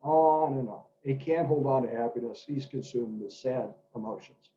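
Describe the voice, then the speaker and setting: In a presentation for parents, a middle-aged educator speaks at a moderate pace in a mid-range voice, bringing his stories to life with character voices. The room echoes, and the recording sounds dull and lo-fi.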